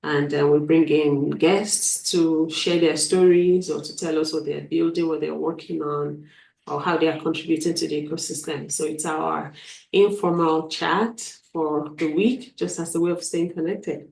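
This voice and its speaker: A woman with a low, steady voice and a measured pace hosts a live stream interview over a video call, sounding a little mellow with some vocal fry. She is enthusiastic and often repeats words as she frames her questions. The recording is roomy, with her distant from the mic.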